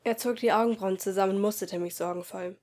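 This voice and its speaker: A woman reading first-person fiction as an amateur audiobook, in a soft, subdued and emotional way. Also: medium pitch, steady tone, fast talker. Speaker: audiobook reader.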